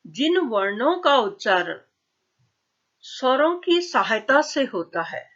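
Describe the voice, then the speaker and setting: Slow, patient woman teacher. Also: fairly high pitch, big pitch swings, fairly bright tone, dull audio. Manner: slow, patient, asks questions and answers them herself. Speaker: school teacher. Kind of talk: classroom grammar lesson.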